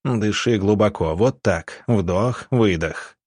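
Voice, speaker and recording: A man's voice: lowish voice, slow pace, darkish tone, husky, dry recording, studio quality. A man voicing a firm young country doctor giving curt, decisive orders in an audiobook. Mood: commanding.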